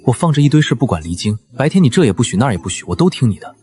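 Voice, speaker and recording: An actor playing an intense, possessive young nobleman in a costume romance drama, speaking low and earnestly. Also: very animated, racing, darkish tone, husky, faint music behind. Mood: insistent.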